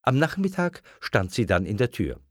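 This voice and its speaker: A man reading a children's story aloud in a gentle, expressive way. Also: medium pitch, normal speed, no room sound, studio quality.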